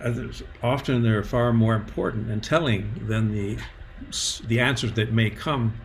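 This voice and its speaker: A man's voice: mid-range voice, moderate pace, slight background noise. A man hosting a conversational interview, mostly affirming his guest and adding his own thoughtful reflections. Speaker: podcast host.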